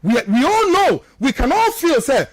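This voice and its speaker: Speaking at a measured pace, this man's very high-pitched voice is very animated, with no room sound around it. He is a political commentator with a Ghanaian accent, and his radio commentary is impassioned and accusatory, switching between two languages and leaning on repeated phrases for emphasis.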